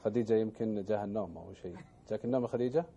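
Male host, very fast and courteous, low husky voice. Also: warm tone, lo-fi sound. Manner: courteous, formal thanks and sign-off. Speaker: program host. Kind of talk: hosting a televised Quran program.

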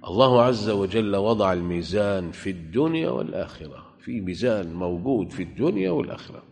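A man's voice: on the low side, lively intonation, brisk, darkish tone, husky. A man preaching a sermon with an Egyptian Arabic accent, emphatic, putting rhetorical questions to his listeners. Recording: long hall reverb.

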